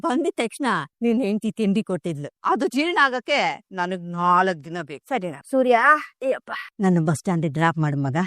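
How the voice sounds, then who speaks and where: A woman's voice: medium pitch, sing-song, brisk, no room sound, clean studio sound, lightly acted. An actress playing a wise older grandmother in a TV serial, soothing yet firm with her family. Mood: brisk. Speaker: grandmother character. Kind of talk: TV serial acting.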